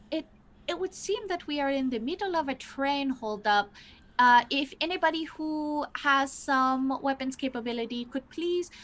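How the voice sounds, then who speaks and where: A woman's voice: high-pitched, voice pushed up. Woman doing a tinny, phonograph-like train announcer. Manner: formal and hesitant, with halting "uh"s. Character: polite, hesitant train announcer over the speaker. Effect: tinny old phonograph-like loudspeaker sound. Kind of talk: game master voicing a character.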